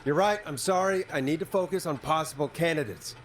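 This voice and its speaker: A man playing a radio host in a video game, guiding callers in a steady, reassuring and directive way. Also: fairly high pitch, a little fast, close to an everyday voice. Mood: earnest, firm. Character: calm, earnest male late-night radio host guiding emergency calls. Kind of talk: dramatic video game acting. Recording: clear music behind the voice.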